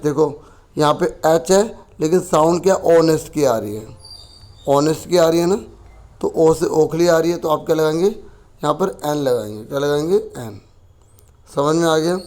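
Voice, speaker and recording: A man, a teacher patiently explaining a school worksheet, asking questions and answering them himself. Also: on the high side.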